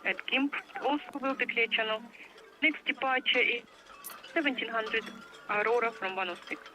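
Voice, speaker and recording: A man's voice: very high voice, normal speed, over music, rough recording. A man working as a vessel traffic service operator, heard over marine VHF radio, speaking in clipped, formal radio procedure. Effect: marine VHF radio transmission.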